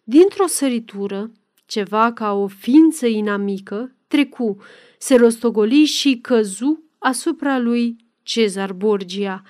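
A woman reads a dramatic novel aloud with steady, measured pacing. Her voice is a little higher than most women's. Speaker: narrator. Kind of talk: dramatic audiobook reading.

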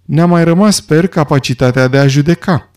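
A man voicing a calm, measured old judge who speaks in a level, deliberate way. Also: on the high side, natural voice.

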